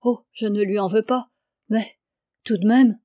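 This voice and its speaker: A woman reading the lines of a heartbroken young man, quiet and strained. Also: medium pitch, fairly even intonation, unhurried, no room sound, studio quality, lightly acted. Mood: bitter.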